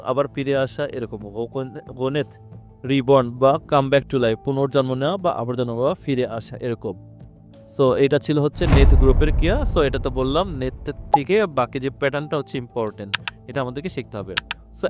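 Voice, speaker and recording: A man with a Bangladeshi accent, teaching a language lesson, who explains slowly and repeats each word and its meaning. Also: on the high side. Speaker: French teacher.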